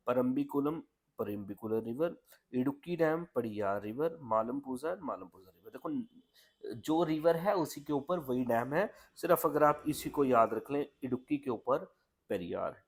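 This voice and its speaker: A man teaching an exam lesson in a chatty, repetitive way, mixing English words into Hindi. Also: mid-range voice. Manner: chatty, repeats "ठीक है" often.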